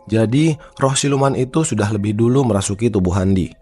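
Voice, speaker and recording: A man tells horror tales as a scripted narrator. His voice is lowish and distinctly dark and soft-edged, with a measured, formal horror-host delivery. Faint music plays underneath. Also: husky. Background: faint background music.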